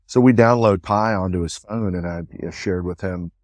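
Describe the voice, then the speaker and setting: Middle-aged guy co-hosting a podcast, lowish voice, dry close sound, just wanders through his story. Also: normal speed, dry recording. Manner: meandering anecdotal storytelling. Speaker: co-host. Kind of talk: casual podcast chat.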